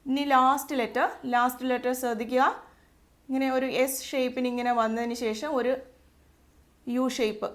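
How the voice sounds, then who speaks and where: A woman with a Malayali accent gives a step-by-step alphabet lesson, her voice sitting a little high. She goes slowly and patiently, saying each letter sound twice so learners can copy it. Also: little pitch movement. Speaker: Arabic tutor.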